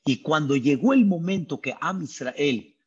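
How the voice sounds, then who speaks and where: A man with a Mexican accent giving a sermon as a rabbi, telling the story dramatically and acting out the people's voices with high cries. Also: expressive, unhurried, darkish tone, slightly rough. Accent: Mexican Spanish. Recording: dull lo-fi recording.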